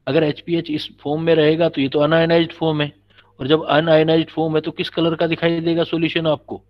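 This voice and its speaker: A man's voice: a little high, monotone, brisk. A man teaching a chemistry class, patiently explaining and quizzing his students. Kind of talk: classroom lecture. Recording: dull lo-fi recording.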